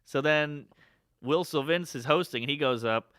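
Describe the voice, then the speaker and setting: A man co-hosts a comedy podcast, telling a story in lively casual chat. His voice is bright, smooth and a touch high, and it sits dry and close to the mic. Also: no echo. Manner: animated storyteller, does quick voices in quotes.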